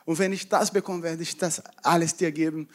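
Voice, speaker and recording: A man voicing a sorrowful woman praying softly. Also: a little high, steady tone, brisk, pitched below the performer's own voice, close to an everyday voice. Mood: pleading prayer.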